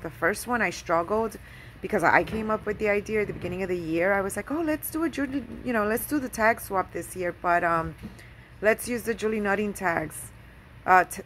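A woman with a fairly low voice gushes over handmade craft gifts in a casual show-and-tell. She talks excitedly, with plenty of fillers along the way. A faint hiss sits under the home recording. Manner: gushing, excitable, with many fillers. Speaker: craft vlogger.

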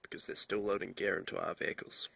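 A man's voice: low voice, level tone, quick pace, vocal fry, fairly bright tone, breathy edge. A man leading a squad in an online military game, talking casually over voice chat. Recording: noisy gaming voice chat with clicks.

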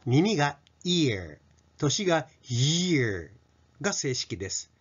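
A middle-aged man teaching pronunciation to children, stretching out each sound slowly as he demonstrates it, on a dull lo-fi recording. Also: fairly high pitch, sing-song, breathy edge. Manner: slow, drawn-out sound demonstrations. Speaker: English teacher.

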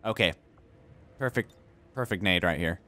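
A young man with a low, sharp-toned voice and a moderate pace hosts a let's play of a strategy game. His commentary is casual and goofy, full of jokes and silly-voiced arguments with himself.

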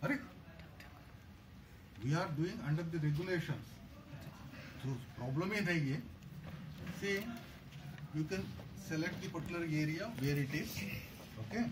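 A man's voice: on the high side, normal speed, long pauses, far from the mic. A middle-aged man with an Indian accent giving a hands-on clinical demonstration step by step, switching between English and Hindi. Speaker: medical instructor. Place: crowded indoor hall. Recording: noisy room, picked up from afar.

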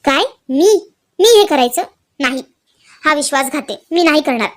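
A gentle young daughter-in-law, anxious and pleading, read by a woman. Her voice is high, and she speaks with worried earnestness. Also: expressive, normal speed. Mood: refusing. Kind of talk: dramatized serial recap reading.

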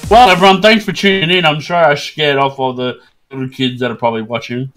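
A man streaming a car football game, chatting casually with a friend, joking and swearing with sudden excited yelps. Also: fairly high pitch, quick pace. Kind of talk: casual gaming stream chat. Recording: game music behind.

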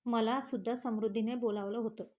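A woman's voice: fairly high pitch, steady tone, fairly quick, mellow, close to an everyday voice. A woman voicing a teasing young husband. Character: teasing young husband, bossy to his cousin.

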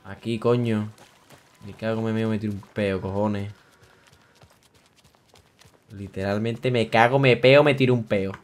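A man's voice: lowish voice, fairly even intonation, measured pace, pauses often. A man from Spain streaming a game, joking crudely, swearing and chanting a vulgar singsong rhyme. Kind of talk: casual gameplay commentary.

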